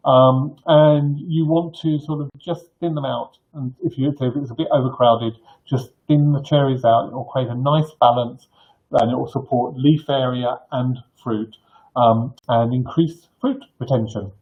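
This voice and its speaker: A middle-aged man hosts an informal live stream from a room at home. His voice sits at a medium pitch and he explains things in a halting, conversational way. The webcam sound is a little dull and lo-fi. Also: steady tone. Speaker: gardening live stream host. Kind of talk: informal question-and-answer advice to camera. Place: bright living room indoors.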